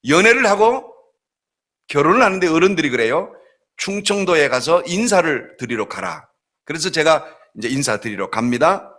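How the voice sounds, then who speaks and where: Middle-aged Korean pastor preaching, bright forceful tone, acts out voices in his stories. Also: on the high side, normal speed. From South Korea. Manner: animated storytelling, acts out voices, laughs often. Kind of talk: sermon with personal stories. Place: church sanctuary.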